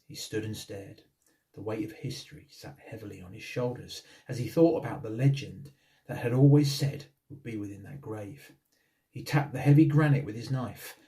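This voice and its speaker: A man reading a crime novel aloud with steady, dramatic narration. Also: fairly low pitch, distant mic. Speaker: author reading his novel.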